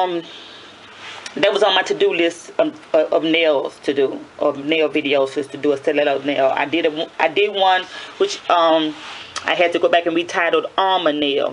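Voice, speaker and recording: A woman with a raspy early-morning voice gives a casual hands-on tutorial, chatty, often repeating and correcting herself. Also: deep voice, a little hiss or hum, low-quality recording. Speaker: nail tutorial host.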